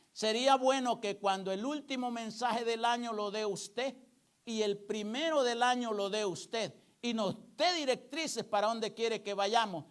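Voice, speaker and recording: High-voiced older pastor preaching earnestly. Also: male voice. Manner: earnest preaching, swelling to emphatic exhortation. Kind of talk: sermon. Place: church pulpit.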